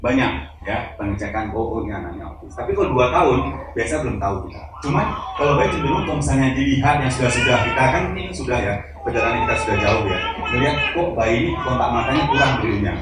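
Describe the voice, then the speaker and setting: A man lecturing at a live seminar, his voice echoing heavily through a large room and picked up from a distance. He jokes with the audience and acts out little examples as he goes, over a steady noise in the background. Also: mid-range voice, fast. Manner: joking, addresses audience directly, acts out examples. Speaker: seminar speaker. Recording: echoey hall, voice from far off, noisy.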